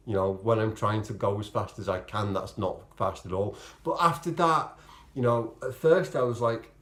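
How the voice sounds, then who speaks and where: A man talking casually to camera as an amateur running vlogger, explaining things in a rambling way, correcting himself and voicing his own thoughts as quotes. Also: lowish voice. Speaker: vlogger, amateur marathon runner. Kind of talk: casual, chatty vlog to camera.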